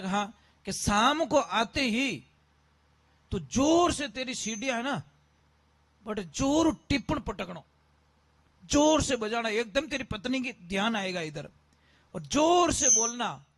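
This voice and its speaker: A man's voice: very high voice, a bit bright. A man preaching a sermon, telling a folk story and acting out the dialogue of a husband, wife and mother.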